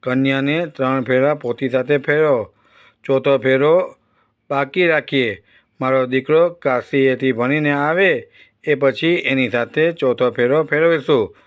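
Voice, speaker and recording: A man's voice: medium pitch, unhurried, lightly acted. A man reading the lines of a resourceful older Brahmin father in a decisive tone.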